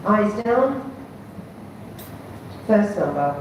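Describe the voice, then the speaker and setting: Heard from off in a very echoey venue, a woman calls bingo. Her tone is soft-edged and mellow. She announces in the set, chanted formula of a bingo caller, with faint noise around her. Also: medium pitch, sing-song, extremely slow. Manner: formulaic chant, digit by digit then number. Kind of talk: bingo calling, announcing numbers. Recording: echoey hall, distant mic, faint noise.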